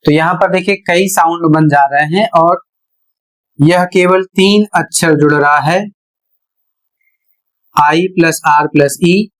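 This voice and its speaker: A teacher explaining English pronunciation rules one step at a time, in a measured, repetitive way. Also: medium pitch. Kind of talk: slow explanatory lesson narration.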